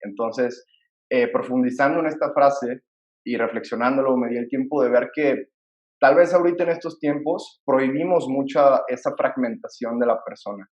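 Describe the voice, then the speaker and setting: A man's voice: medium pitch, normal speed, darkish tone. Male podcast host, earnest, roomy lo-fi recording. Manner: earnest and admiring, reads introductions. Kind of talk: podcast interview hosting.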